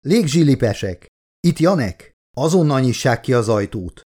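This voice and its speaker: A man's voice: medium pitch, sing-song. A man voicing a commanding male ship captain who barks orders in an audiobook. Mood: shouting. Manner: shouting orders.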